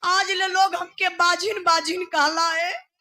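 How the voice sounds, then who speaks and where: A woman's voice: very high-pitched, flat delivery, slow, bright, forceful tone, voice pushed up, exaggerated voice. A Bhojpuri-accented woman voicing a desperate grieving young mother who pleads and sobs. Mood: sobbing. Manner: pleading, sobbing.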